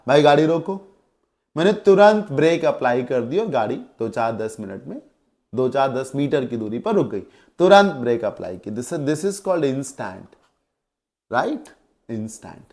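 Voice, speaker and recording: A male English teacher with an Indian accent, lecturing a class, explaining with everyday examples and repeating key words. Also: fairly high pitch.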